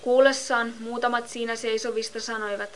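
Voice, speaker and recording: A woman reading a Bible passage aloud in a steady, measured way. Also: on the high side, a little hiss or hum. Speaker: scripture reader.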